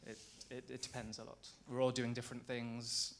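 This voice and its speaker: Guy dancer, mid-pitched voice, explains things earnestly and steadily. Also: monotone, normal speed, a little hiss or hum. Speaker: ballet dancer. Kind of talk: conversational Q&A answer. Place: rehearsal studio.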